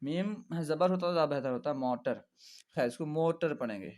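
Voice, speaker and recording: A man teaching an Urdu reading lesson, spelling out each syllable patiently and repeating words slowly for learners. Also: a little high, a little mellow.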